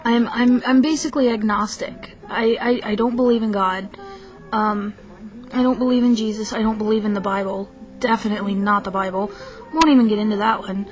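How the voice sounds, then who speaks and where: A woman's voice: medium pitch, fairly even intonation, fairly quick, muffled recording. A young woman venting to the camera in a casual rant, hesitant and frank, tired from too little sleep, often stopping to restart her sentences. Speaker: vlogger. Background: faint film soundtrack music.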